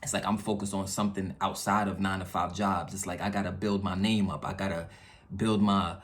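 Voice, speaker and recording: A man's voice: deep voice, little pitch movement, brisk. A man venting casually to his viewers in an earnest, slangy way, repeating phrases for emphasis. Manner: candid, slangy, frequent check-in tags. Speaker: YouTube vlogger.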